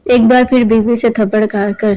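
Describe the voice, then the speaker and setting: A woman narrating a romance novel aloud, steady and storytelling, carrying the characters' dialogue. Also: a little high, low-quality recording. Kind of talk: scripted novel reading.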